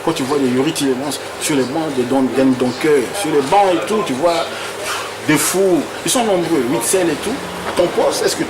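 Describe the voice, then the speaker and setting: A man's voice: fairly high pitch, moderate pace. A man from Congo interviewing a footballer and reading out viewers' questions, often repeating words as he searches for his phrasing. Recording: noisy room with air conditioning.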